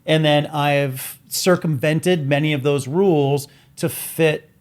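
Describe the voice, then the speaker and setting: A man's voice: a little high, steady tone, slow, clean tone. A man in his forties, co-hosting a casual podcast chat and telling long stories about himself, often laughing at his own jokes. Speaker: podcast co-host.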